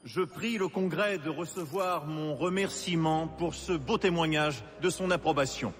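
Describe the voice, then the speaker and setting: An actor playing a solemn, humble general in a game, declaiming a formal speech. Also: male voice, fairly high pitch, measured pace, lightly acted. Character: solemn, humble male general addressing Congress. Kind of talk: formal oration, video game acting. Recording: reverberant hall, music behind. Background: music.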